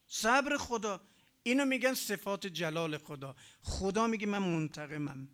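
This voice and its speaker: Male preacher, high bright voice, emphatic repetition, rhetorical questions. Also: animated. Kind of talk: sermon.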